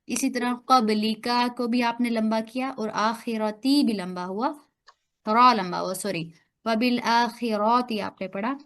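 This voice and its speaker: A woman with an Urdu accent teaching an online class over a video call, patiently correcting her students' pronunciation point by point. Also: a little high. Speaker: online Quran recitation teacher.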